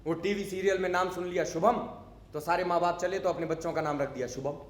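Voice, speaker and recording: A man's voice: high voice, steady tone, fast, echoey room, lightly acted. A man acting a grumpy, unsociable neighbor in a stage monologue, talking in a scolding, sarcastic, lecturing way. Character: grumpy unsociable male neighbor, middle-aged. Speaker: stage actor. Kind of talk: theatrical monologue.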